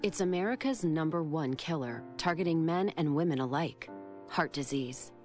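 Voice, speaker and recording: Lower-pitched woman reading a radio ad. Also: animated, moderate pace, soft background music. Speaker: health care advertiser. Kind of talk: scripted ad read.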